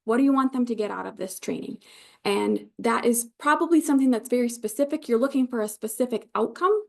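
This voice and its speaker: A woman's voice: a little high, brisk, gravelly. A woman with an Upper Michigan Yooper accent leading an online training as an informal, conversational instructor who reassures her learners. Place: live online video session.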